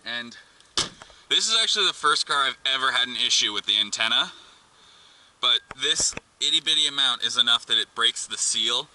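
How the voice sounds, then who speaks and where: On his do-it-yourself car vlog, this man walks through a practical task in a loose, informal manner, dropping the occasional crude slang word. His mid-range voice has lively intonation and a pushed, bright quality at normal speed. Clicks and noise from an amateur camera mic run through the recording.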